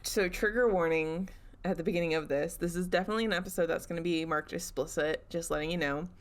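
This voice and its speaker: A woman's voice: fairly low pitch, fast. A young woman co-hosting a podcast, telling a story in a chatty, casual way with giggly asides.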